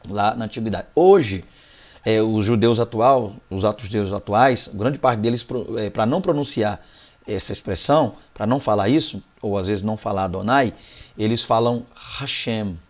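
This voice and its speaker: A man's voice: fairly low pitch, normal speed. A man with a Brazilian Portuguese accent teaching a Bible study lesson, explaining Hebrew words one by one and checking in often with his listeners. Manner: talks to the class directly with "né" and "tá".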